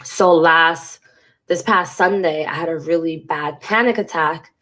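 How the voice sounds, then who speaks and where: A woman vlogger talks candidly to the camera in a low, unhurried voice with a slightly bright quality. She sounds congested and stuffy, speaking frankly and emotionally and swearing casually.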